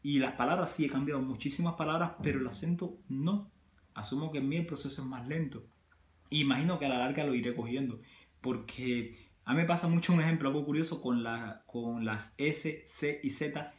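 A man with a Cuban Spanish accent chats straight to camera, working through his point with plenty of restarts and everyday examples. His voice sits at a middling pitch and carries the echo of a bare room. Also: brisk. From Cuba. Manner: conversational, many restarts and examples. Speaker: vlogger. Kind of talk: casual talk to camera.

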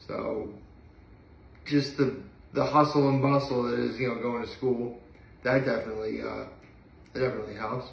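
A young man from upstate New York, a daily vlogger, rambles hesitantly in a casual solo chat to the camera, his thoughts frequently trailing away. His voice is medium-pitched and gravelly, flat in delivery, at a normal speed with frequent pauses. It's an echoey home recording from his living room, captured by a phone camera a few feet away.

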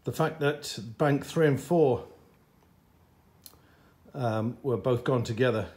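A man's voice: mid-range voice, takes it slowly, darkish tone. A man vlogging a motorcycle repair in his garage, thinking aloud and getting frustrated as he works. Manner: frustrated, muttering thoughts aloud. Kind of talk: talking to camera while working on a bike.

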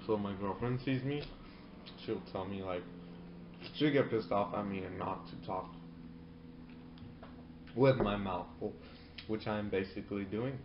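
A man's voice: fairly low pitch, a little slow, long pauses, background noise. Teen guy rambling with his mouth full. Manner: rambling, talks with mouth full while eating. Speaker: vlogger. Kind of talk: casual home vlog. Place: bedroom at home. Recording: roomy, dull lo-fi sound.

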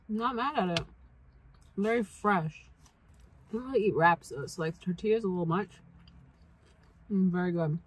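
A young woman vlogger chats casually as she taste-tests snacks, sometimes talking with her mouth full. Her medium-pitched voice has a breathy edge, and the camera mic gives poor audio.

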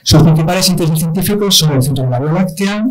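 A man moderating a science outreach event, telling a story in an animated way, acting out quoted dialogue and repeating words for emphasis. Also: fairly high pitch, quick pace, rough recording. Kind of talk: live presentation, anecdotal storytelling.

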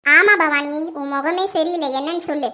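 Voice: high-pitched, steady tone, moderate pace, heavy background noise, close to an everyday voice. A performer voicing a stern middle-aged mother-in-law who questions and scolds firmly in a family drama skit.

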